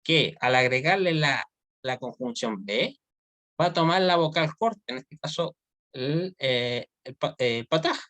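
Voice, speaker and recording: A man's voice: on the high side, lively intonation, unhurried, pushed and bright, no room sound. A man teaching an online Hebrew grammar class, explaining step by step and often checking that students follow.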